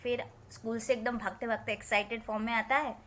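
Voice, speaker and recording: A woman telling a story in a chatty, lively way, talking straight to her listeners and slipping in English phrases. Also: fairly high pitch, fast.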